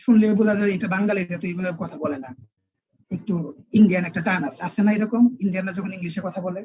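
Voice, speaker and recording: Guy teaching english online, kinda husky, higher voice, dry sound. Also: steady tone, mellow, no room sound, poor audio. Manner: explains with repeated examples, spells words out slowly. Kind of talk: online class lecture.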